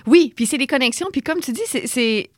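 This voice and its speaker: Quebec French woman host, quick and engaged, dry studio mic. Brief: chatty talk-show host. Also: sits high, animated, dry recording. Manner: quick, engaged, asks questions. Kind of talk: casual radio talk.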